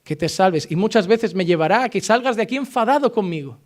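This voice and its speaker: High-voiced man preaching insistently. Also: expressive, fast talker. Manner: insistent, emphatic, repetitive. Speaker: pastor. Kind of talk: sermon.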